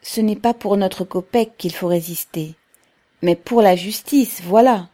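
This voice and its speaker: A woman reading aloud, voicing a firm, steady-voiced middle-aged male stoker addressing a crowd. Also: medium pitch, a little slow, natural voice. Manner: even, firm, speechmaking.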